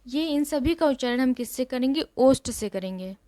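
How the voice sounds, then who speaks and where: A woman's voice: high-pitched, animated, moderate pace, warm tone. A woman teacher giving an exam revision lesson, repeating each rule and quizzing her listeners. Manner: repeats rules and asks questions to the class.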